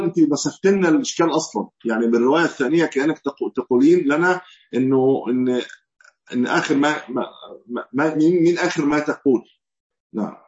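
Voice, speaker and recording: Egyptian male scholar, quick questioning lecture delivery, muffled lo-fi sound. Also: a little high. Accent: Egyptian Arabic. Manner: reasons aloud, posing and answering his own questions. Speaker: Islamic scholar teaching hadith. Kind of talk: religious lesson.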